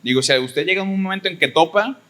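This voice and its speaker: A young man from Mexico, teaching a church Bible study in a relaxed storytelling way. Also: high-pitched, fast talker. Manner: conversational storytelling with quoted exchanges.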